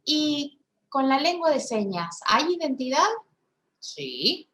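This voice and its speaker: Halting woman interpreter. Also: high-pitched, very animated, fairly bright tone. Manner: halting, with restarts and frequent "¿sí?" checks. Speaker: sign language voice interpreter.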